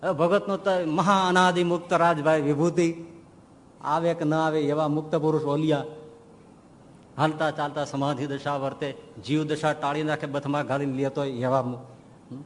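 A man, a monk giving a sermon in folksy, animated storytelling. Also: on the high side, moderate pace, a little hiss or hum. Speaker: monk preacher. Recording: long hall reverb.

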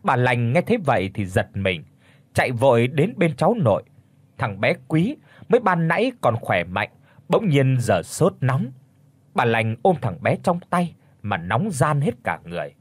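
Animated male horror-story narrator. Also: mid-range voice, moderate pace, slightly rough, no room sound. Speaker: audiobook narrator.

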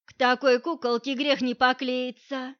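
A woman's voice: sits high, flat delivery, a little slow, fairly bright tone. A woman reading the lines of a brash, mocking bald male thug in an audiobook, with a teasing, smirking delivery. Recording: dull lo-fi audio.

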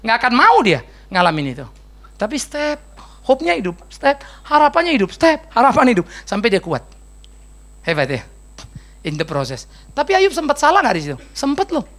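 A man's voice: very high-pitched, wildly swooping pitch, moderate pace, fairly bright tone. A man pastor giving a casual, joking sermon and answering questions, slangy and sprinkled with English words. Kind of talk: conversational sermon with Q&A.

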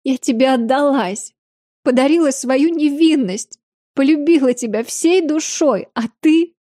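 A woman's voice: sits high, measured pace, mellow, no echo, studio quality, pitched above the performer's own voice. A woman voicing a whiny young noblewoman who wails and sniffles with a nasal voice in an audiobook. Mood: tearful wailing. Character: young red-haired noblewoman, whiny and sobbing.

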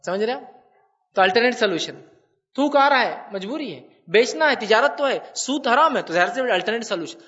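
High-voiced man giving an animated religious lecture. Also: far from the mic, highs cut off. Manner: animated, repeats points, asks listeners rhetorical questions. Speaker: Islamic lecturer.

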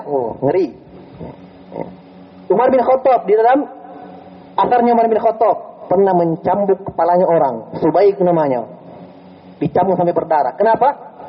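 A man's voice: high-pitched, lo-fi sound, a little hiss or hum. A man teaching a religious study lecture in a prayer room, telling stories with animation and often checking with his listeners. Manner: animated storytelling, checks with "ya?" and "jelas?".

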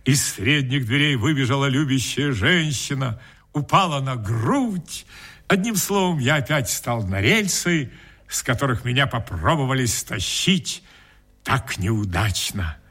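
A man narrating a first-person story in an expressive, dramatic reading. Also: mid-range voice, a little slow. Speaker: audiobook reader.

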